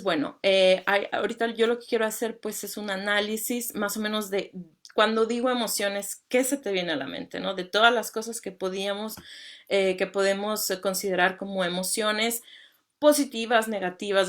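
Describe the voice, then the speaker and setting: A woman teaching singing in an online lecture with slides. She talks in a conversational way, full of fillers and tag questions. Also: medium pitch.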